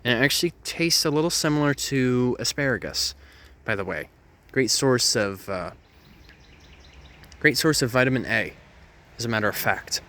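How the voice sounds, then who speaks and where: Out in a Florida hammock woodland, a nature guide talks about plants in a chatty, educational walk-and-talk, tossing in asides and self-mocking puns that amuse him. His mid-range voice is bright, forceful and animated, moving at a normal speed with frequent pauses.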